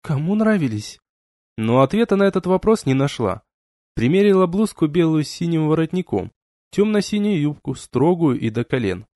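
A man reading a first-person novel aloud as an audiobook, with expressive narration. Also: on the high side, fairly quick, no echo, studio quality. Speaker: audiobook reader.

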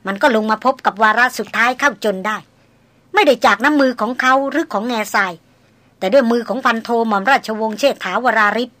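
Woman audiobook narrator, bright, slightly high, measured literary reading, dry close sound. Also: no room sound. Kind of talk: scripted novel narration.

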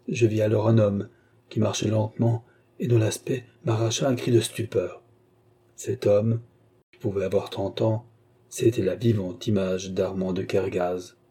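A man's voice: fairly low pitch, fairly even intonation, moderate pace, mellow, slightly rough. A man voicing a dying old guilt-ridden man. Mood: confessing. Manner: faint, broken, pleading.

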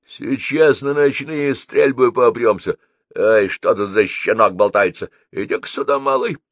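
A man's voice: medium pitch, unhurried, no echo, clean studio sound, voice pushed up, lightly acted. A man voicing a brutish, coarse middle-aged mercenary leader who bellows orders in an audiobook. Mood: bellowing.

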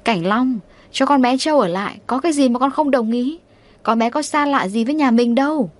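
A woman's voice: medium pitch, brisk, no echo, natural voice. A woman reading the lines of an elderly grandmother who heads a wealthy family in an audiobook. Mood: scolding. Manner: commanding, then musing.

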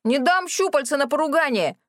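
Lady putting on a high squeaky ghoul guy, scared of heights, indignant and loud, dry sound. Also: lively intonation, normal speed, no echo, close to an everyday voice. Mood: shouting. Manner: shrill, indignant protesting. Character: cowardly male ghoul, squeamish and fussy.

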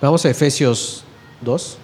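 A man's voice: mid-range voice, a little mellow. Man preaching in a reverberant hall. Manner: conversational, asks the audience questions and answers them; reads scripture slowly and emphatically. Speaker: lay preacher. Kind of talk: informal sermon talk. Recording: faint noise, long reverb in a hall.

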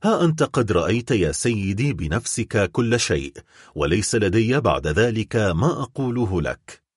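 A dignified shipowner near ruin, his voice quavering as he fights to keep it steady, as a male reader puts him on. The delivery is husky and rises and falls a lot. It sounds close and dry. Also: lowish voice, normal speed, dry recording. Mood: grave. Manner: trembling voice held steady.

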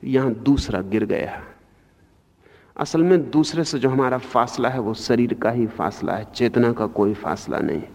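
A man giving a spiritual discourse, speaking slowly and with emphasis, his voice rising sharply on key points, in a lo-fi archival recording. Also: mid-range voice, vocal fry, a little mellow. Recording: lo-fi archival recording in a long-reverb hall.

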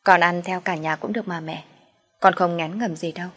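A woman voicing a young wife, firm in retorts and gentle with her mother-in-law. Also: lowish voice, fairly even intonation, normal speed, soft background music, natural voice.

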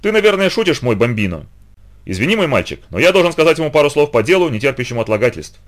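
A man's voice: fairly high pitch, sing-song, fast talker. A man voicing a theatrical grown musician who talks in a breezy, mock-courtly way. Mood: grandiose.

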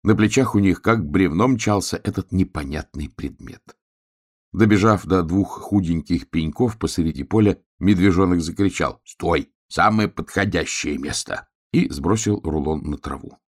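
A man narrating a children's fairy tale in a lively, expressive storybook manner. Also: sits low, moderate pace.

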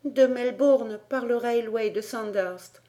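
Jeune garçon pieux à la voix douce, joué par une lectrice, un peu aigu. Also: female voice, fairly high pitch, slow pace, pitched above the performer's own voice. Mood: gentle. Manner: soft, gentle. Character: calm, devout young native boy.

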